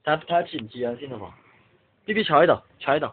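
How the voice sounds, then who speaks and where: A man's voice: fairly high pitch, lively intonation, rapid-fire, phone-quality sound, a little hiss or hum. A man, filming at home and playfully coaxing a small child. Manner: coaxing, playful talk to a toddler. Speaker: family member filming at home. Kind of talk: casual home video chat. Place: family home indoors.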